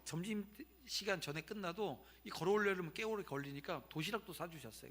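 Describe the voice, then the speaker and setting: A man's voice: fairly high pitch, fairly bright tone. A man in his fifties, a pastor delivering a Sunday sermon to his congregation, telling a story in a conversational way and turning to speak to the listeners. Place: church sanctuary.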